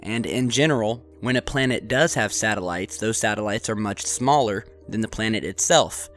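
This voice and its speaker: Sick congested guy talking to his channel, kinda low voice, faint music under it. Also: moderate pace, fairly bright tone. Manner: conversational, frequent uh fillers. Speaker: host. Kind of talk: casual vlog narration.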